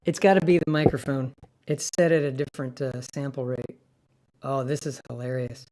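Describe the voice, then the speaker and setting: A man's voice: steady tone, normal speed, crowd noise, rough recording. Livestream guy whose mic makes him sound like a chipmunk, sped up and glitchy, rambly and laughing at himself. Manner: rambling, self-amused, thinking aloud. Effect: pitched-up chipmunk sound from a sample rate mismatch. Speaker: livestream host. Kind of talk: casual livestream chat. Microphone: streaming mic rig.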